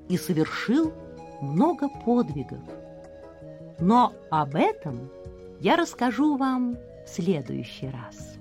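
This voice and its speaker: A woman telling a legend to children, expressive and speaking straight to her young listeners. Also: mid-range voice. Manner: expressive, addresses listeners directly. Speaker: children's storyteller. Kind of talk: storytelling for children.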